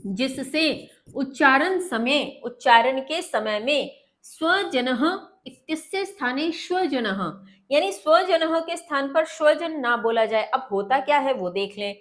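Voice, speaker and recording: Slow, high-voiced woman teaching. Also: animated, fairly bright tone. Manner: patient, repeats each word then its meaning. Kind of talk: word-by-word lesson explanation.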